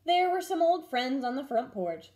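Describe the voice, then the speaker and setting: Expressive storytelling fills a small room at home by a window, where a first-grade teacher in her twenties reads a picture book to children. Her voice sits high and her pace is moderate.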